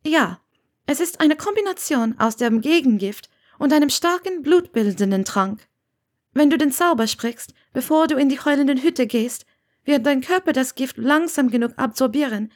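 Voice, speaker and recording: Female audiobook reader, calm and even, slightly high voice. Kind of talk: fan fiction audiobook reading.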